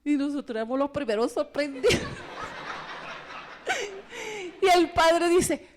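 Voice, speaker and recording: Animated high-voiced woman. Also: brisk, noisy background. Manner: animated storytelling, acting out quoted voices. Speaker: retreat speaker. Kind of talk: personal testimony in a retreat talk.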